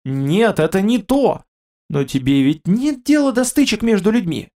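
A man voicing a nervous, scrawny male werewolf in human form who talks in a hurried, frightened way. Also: high-pitched, expressive, vocal fry, darkish tone, pitched above the performer's own voice. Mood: panicked. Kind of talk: audiobook character voice.

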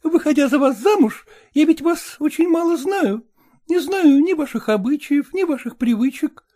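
A male storyteller voicing a lively, frank young woman who firmly sets her terms, in a brisk, coaxing, insistent manner. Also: very high voice, voice pushed up.

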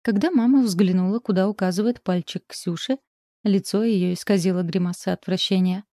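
A woman narrating a literary story in a calm, measured audiobook reading. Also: medium pitch, dry recording, studio quality.

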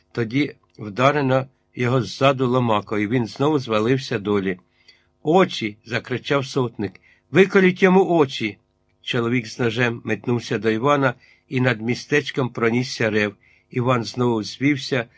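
A man reading a literary novel aloud in a measured way, in short phrases. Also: medium pitch, a bit bright. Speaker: audiobook narrator.

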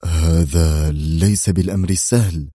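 An anxious male defense secretary, voiced by a male narrator in a storybook. He speaks low and snappish. The sound is dry. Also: steady tone, normal speed, mellow, husky, no room sound. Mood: tense. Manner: tense, snappish.

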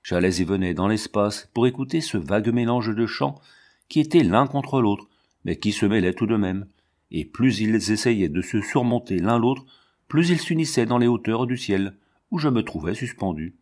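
A man reading a literary novel aloud in a steady, measured narration, lightly voicing the soldiers' lines. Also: on the low side. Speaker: audiobook reader.

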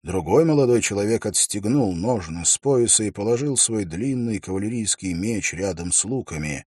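A man narrating a fantasy audiobook in a measured, even storytelling manner, close to the mic. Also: on the low side, slightly rough, no room sound.

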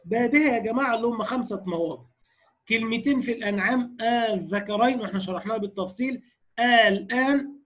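High-voiced Egyptian man teaching recitation. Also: fairly bright tone. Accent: Egyptian Arabic. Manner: explanatory, checks in with students. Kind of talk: lecture on recitation variants.

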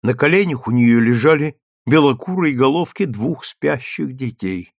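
A man with a mid-range voice narrates an audiobook, giving a steady, measured reading of scripted narration. The recording is dry, with clean studio sound.

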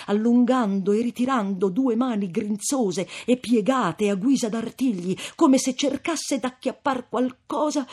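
Husky woman reading a classic novel. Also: fairly high pitch. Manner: measured, expressive storytelling. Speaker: audiobook reader. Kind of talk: scripted narration of a classic novel.

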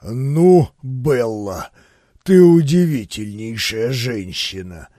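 A man voicing a blustering older male grand duke in an audiobook, booming and bossy. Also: animated, slow, mellow, dry recording, clean studio sound. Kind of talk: audiobook character voice.

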